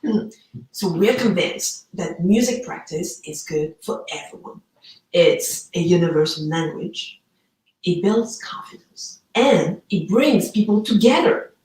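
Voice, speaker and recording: A woman reading a scripted pitch for a promo video in a slow, measured way. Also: animated, a little mellow, recorded from a distance. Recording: echoey room, off-mic.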